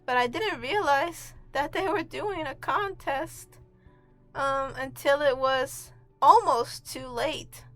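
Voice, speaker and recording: A high-voiced woman from Mexico, a video artist and host, rambles through a casual voice-over at a slow pace in a fairly bright tone. She's offhand, self-deprecating and sweary, and the amateur home recording has music running underneath.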